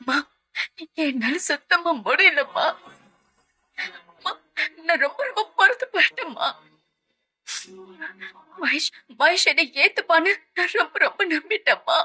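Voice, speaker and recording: A woman's voice: very high-pitched, lively intonation, unhurried, long pauses, bright, forceful tone, heavily acted. An actress playing a heartbroken young woman who cries and pleads with her mother in a TV serial scene. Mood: sobbing. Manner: sobbing, pleading, repeating her mother's name. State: crying. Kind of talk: TV serial drama acting.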